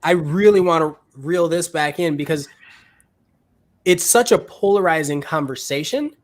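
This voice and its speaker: A man hosting a casual real estate chat, his voice sitting a little high for a man. He thinks aloud as he goes, restarting his sentences and circling back to his points. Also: normal speed. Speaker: realtor and podcast host. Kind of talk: casual panel talk.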